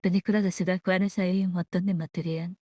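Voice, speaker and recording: A woman's voice: lowish voice, level tone, a little fast, mellow, dry recording, studio quality. A woman with a Latin American Spanish accent chatting casually with viewers on a live stream in a giggly, slangy, informal way. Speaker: VTuber streamer reacting to a video.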